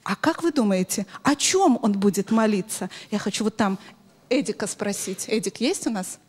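A middle-aged woman teaching children through an interactive story, expressive and instructive, often putting questions to them, speaking into a handheld microphone in a hall. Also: mid-range voice, moderate pace, breathy edge. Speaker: children's Sunday school teacher. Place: large bright church hall with audience of children.

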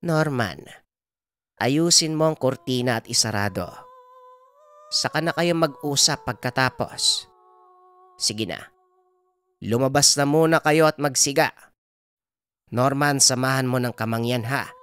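A man voicing an elderly village healer woman who gives brisk orders. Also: medium pitch, a bit bright, clean tone, pitched above the performer's own voice, close to an everyday voice. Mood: commanding. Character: stern old village healer woman, commanding.

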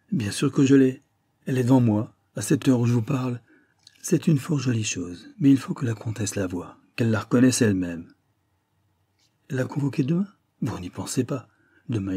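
Audiobook: male reader as an ironic inspector, husky and low. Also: brisk, warm tone. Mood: teasing. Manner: ironic, teasing. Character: clever police inspector, ironic, self-assured man. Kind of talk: audiobook character reading.

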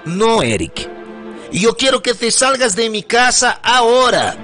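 A man's voice: very high voice, very animated, a little slow, sharp tone, exaggerated voice. A man voicing an angry pregnant young wife who orders her husband out of the house, with music behind. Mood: scolding.

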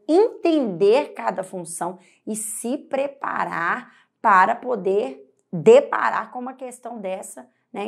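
Gravelly-voiced woman teaching grammar. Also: mid-range voice. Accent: Brazilian Portuguese. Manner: lively, talks straight to the student with frequent tag questions. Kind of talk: exam-prep grammar lesson.

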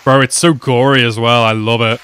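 A young man reacting to an anime episode at home, talking excitedly and exclaiming often. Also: medium pitch, a little fast, a little hiss or hum. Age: young adult. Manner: animated, exclaims and laughs often. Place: small room at home.

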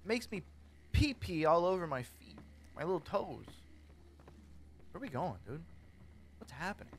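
A man's voice: a little high, bright, forceful tone. A man casually commenting while he plays a game, joking, rambling and talking to the characters. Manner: goofy, rambling, jokey, talks to characters. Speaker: gaming streamer.

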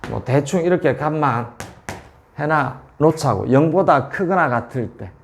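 A man teaches a calculus lesson at an unhurried pace, his voice sitting a bit high. He repeats each value and keeps checking that students follow. A faint hiss of ambience sits under the recording. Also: lively intonation. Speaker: math tutor.

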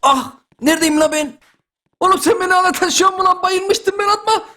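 A young man doing a comic dub over gameplay, excitable and yelling in slang. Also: very high-pitched, brisk. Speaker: gaming YouTuber.

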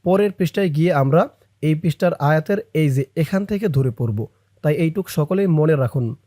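A man's voice: fairly high pitch, animated, normal speed, mellow, no room sound, studio quality. A man teaching Quran reading who explains the letters and drills the syllables for his learners.

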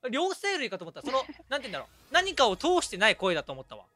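Animated, teasing male game host. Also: very high-pitched, rapid-fire. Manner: animated, laughs often, teasing. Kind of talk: hosting a game stream.

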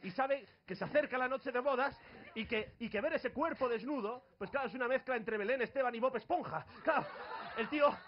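High-voiced Spanish man doing stand-up. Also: fairly quick, dull audio. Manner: jokey, punchy delivery. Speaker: comedy duo host. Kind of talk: stand-up comedy routine. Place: comedy club stage.

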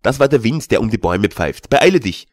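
A man's voice: medium pitch, sing-song, brisk, no room sound, studio quality. A man reading an audiobook, voicing a bold young journeyman who scoffs and lectures his nervous companion. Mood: scoffing.

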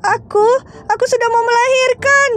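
A woman's voice: very high voice, fairly even intonation, moderate pace, a bit bright, faint music behind, pitched above the performer's own voice. A woman voicing a frightened young woman going into labor, stammering and frantic, for a game drama. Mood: panicked.

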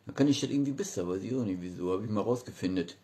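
A man's voice: fairly low pitch, expressive, very fast, warm tone. A middle-aged man hosting a casual livestream from a small room, talking colloquially and often tagging remarks with a short question. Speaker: livestream host. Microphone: phone at arm's length.

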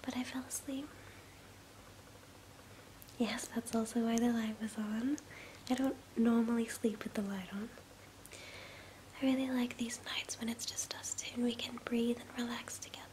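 Casting: woman, twenties, whispered role-play as drowsy, tender girlfriend; soft, soothing, higher-pitched, close-miked. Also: fairly even intonation, moderate pace, long pauses. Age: 20s. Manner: soothing, affectionate, intimate. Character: sleepy, affectionate girlfriend comforting her partner in bed. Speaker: ASMR performer. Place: small bedroom, indoors. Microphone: close to the mouth. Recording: clear background hiss and ambience.

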